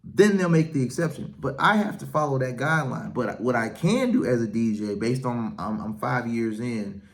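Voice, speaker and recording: A wedding and event DJ hosts his own show, talking to camera with casual, confident advice. His voice is strong and projecting, medium in pitch, and delivered at a normal speed.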